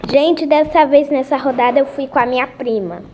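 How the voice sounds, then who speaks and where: A woman's voice: high voice, moderate pace, noisy background. A woman hosting a gaming channel, chatting casually to viewers at home and repeating her phrases as she plays. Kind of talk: casual gameplay commentary. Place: at home, family nearby.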